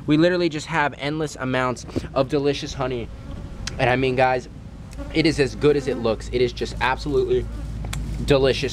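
A young man hosting a vlog outdoors beside beehives, talking excitedly and emphatically to camera in a casual style. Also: on the high side. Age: young adult. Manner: exclaiming, emphatic, repeats superlatives. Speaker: vlog host. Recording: noisy outdoor camera audio.

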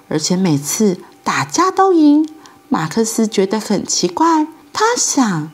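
A woman's voice: fairly high pitch, husky. A woman with a Taiwanese Mandarin accent reading a children's picture book aloud and speaking directly to children. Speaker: storyteller.

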